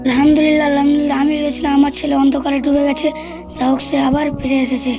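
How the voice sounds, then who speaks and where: A woman's voice: high voice, little pitch movement, racing. A woman voicing a grieving village mother who laments her lost son and then welcomes him home, over background music. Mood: tearful joy. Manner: lamenting, pleading.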